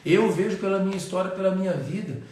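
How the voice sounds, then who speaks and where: High-voiced Brazilian pastor, very echoey. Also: male voice, quick pace, a little mellow, a little hiss or hum. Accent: Brazilian Portuguese. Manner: earnest preaching with repeated phrases. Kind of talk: sermon. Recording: very echoey room.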